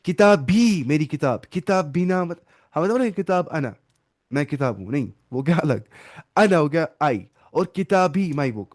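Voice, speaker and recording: A man's voice: fairly high pitch, animated, unhurried. A man teaching an online Arabic lesson in Hindi, drilling grammar through repetition and often asking his students questions. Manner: repetitive drilling with hand gestures.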